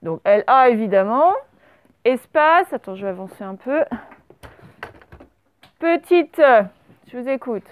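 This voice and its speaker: A woman teaching a primary class, dictating words slowly and spelling them out letter by letter. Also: fairly high pitch, lively intonation, clear, resonant tone. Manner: slow, over-articulated dictation of words.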